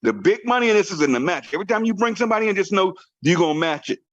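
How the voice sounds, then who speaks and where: Animated man giving an emphatic pep talk. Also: high voice, very fast, dry recording, muffled recording. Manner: emphatic, repetitive, preacher-like urging. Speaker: network marketing team trainer. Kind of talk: motivational training call. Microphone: conference call line.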